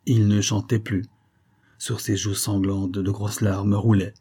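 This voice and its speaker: Husky low-voiced male narrator. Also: flat delivery, measured pace, mellow. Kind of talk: scripted audiobook narration.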